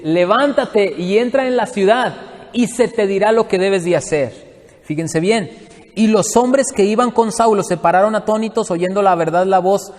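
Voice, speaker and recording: A man's voice: sits high, a little mellow, long reverb tail. A man from Mexico, teaching a Bible study to his congregation in a conversational way and often asking them questions.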